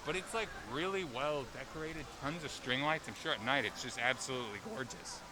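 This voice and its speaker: A man with a medium-pitched voice talks fairly quickly while hosting a travel vlog, chatting and cracking jokes as he wanders through an amusement park. It's casual vlog narration recorded outdoors, with loud park music making the background noisy.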